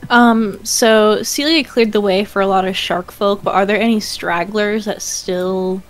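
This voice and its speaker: Mid-pitched woman in a tabletop game. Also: measured pace, soft background music. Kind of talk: casual game chat.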